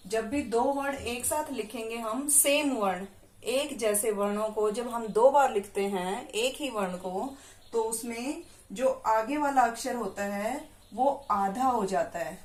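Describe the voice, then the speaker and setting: A woman teaches a primary school lesson at a slow pace, her voice on the high side with a darkish tone and reverberation around it. She patiently stretches syllables and quizzes the children as she goes.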